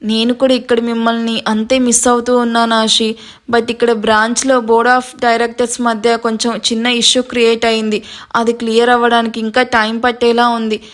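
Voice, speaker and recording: A woman voices a young businessman husband in an audio story, calm, caring and a little firm. The voice stays high and even. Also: normal speed, natural voice. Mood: reassuring. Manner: calm, reassuring.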